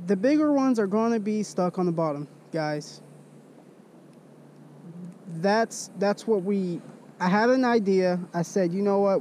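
A young man with a high, mellow voice talks to camera while fishing from a kayak. He speaks slowly and easily, hyped about the catch, with faint wind and water noise behind him. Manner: hyped, talks to viewers as guys. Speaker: fishing vlogger. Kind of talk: casual chat to camera. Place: outdoors on a kayak on a lake. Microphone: action camera.

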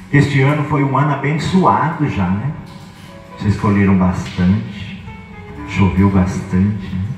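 Slow-paced priest over echoing PA. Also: male voice, lowish voice, darkish tone. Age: middle-aged. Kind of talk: spoken blessing and prayer at an event. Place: open-sided tent at outdoor cattle auction. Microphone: handheld microphone through PA. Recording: echoey PA system, distant, faint music.

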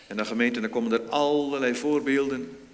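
A male pastor preaching a sermon in a church, slow and deliberate, with sudden emphatic rises in pitch and volume. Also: fairly even intonation. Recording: long church reverb, faint noise.

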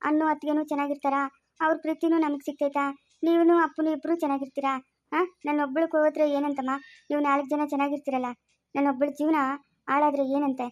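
A woman's voice: sits high, flat delivery, fast, no echo, muffled recording, lightly acted. A woman playing an earnest, self-sacrificing poor young daughter in an amateur family drama, speaking rural Chikkaballapur Kannada. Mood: resigned. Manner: earnest, resigned.

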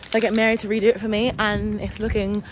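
A woman's voice: mid-range voice, flat delivery, fast talker, background noise. A young woman, chatting casually and rambling to camera in a vlog, often correcting herself. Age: young adult. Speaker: vlogger. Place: at home.

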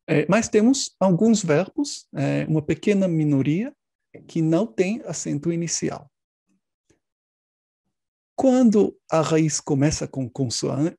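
Male researcher presenting at a conference, slow and gravelly, dry close sound, measured and explanatory. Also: a little high, warm tone, dry recording. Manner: measured, explanatory, frequent hesitation fillers.

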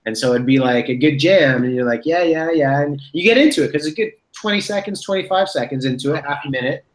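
A man in his thirties hosts a laid-back video-call chat from a room in his home, talking quickly in a fairly high voice. He rambles and corrects himself as he tells stories, and the webcam audio is poor and roomy.

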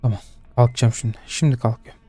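A young man talking himself through a horror game, muttering nervously, then dropping to hushed whispers. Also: medium pitch, steady tone, quick pace, dry recording, faint music behind. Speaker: gaming YouTuber.

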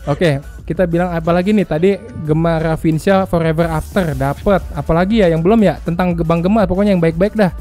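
A high-pitched young man hosts a casual gaming livestream, joking and laughing through his reactions. His voice sits high but sounds dark and mellow in tone. Music plays softly behind him. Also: fairly quick, few pauses. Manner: excitable, joking, laughs often. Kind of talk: casual live-stream chat.

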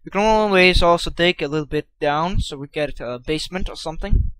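Young man, chatty gaming commentary, slightly high voice, dry close sound. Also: brisk, clear, resonant tone, dry recording. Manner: chatty, hesitant with fillers, bursts into excited shouts. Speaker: gameplay commentator.

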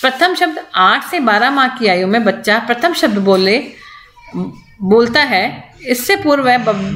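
A woman lecturer explaining a topic in a recorded lesson, going slowly, restarting words and imitating baby sounds as examples. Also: mid-range voice, fairly bright tone, roomy sound. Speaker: college lecturer.

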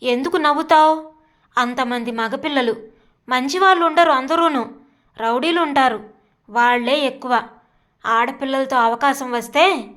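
A woman reading the part of an anxious, quick-tempered young man who sternly forbids his sister in a storybook. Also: high voice, fairly bright tone.

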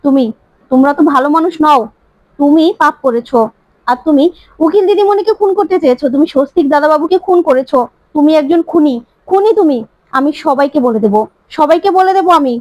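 A woman's voice: sits high, brisk, darkish tone, dry recording, lightly acted. Woman doing a tearful, loyal young maid. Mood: accusing. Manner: wailing, then accusing. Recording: slightly muffled dry recording.

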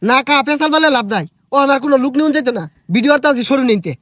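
A man with a playing a young fellow making quick pleading retorts in a comedy sketch. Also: very high-pitched, animated, a bit bright, a little hiss or hum. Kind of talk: rustic comedy sketch in dialect.

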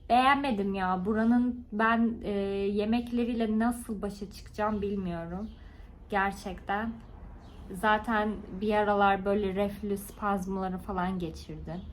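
A woman's voice: medium pitch, a little hiss or hum. A woman talking casually in a home vlog, chatty and rambling with informal asides. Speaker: vlogger. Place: at home, indoors.

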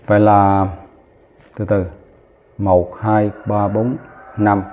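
A male chemistry teacher with a fairly low voice works through each step, counting out loud and stopping to fix his own slips. The sound is thin and tinny, as if through a phone. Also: level tone, slow, slight background noise. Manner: talks while writing, counts aloud, corrects himself mid-step. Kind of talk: lesson at a whiteboard.

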